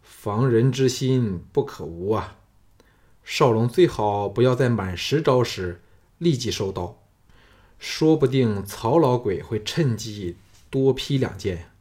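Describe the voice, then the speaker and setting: A man's voice: lively intonation, takes it slowly, darkish tone. Man voicing an earnest, cautious old counselor. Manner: earnest, urging, lowered confiding voice.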